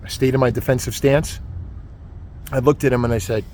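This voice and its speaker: A man who teaches martial arts, telling a story to camera in an earnest, halting way, full of ums and uhs, at a train station. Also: mid-range voice, fairly even intonation, darkish tone, slight background noise.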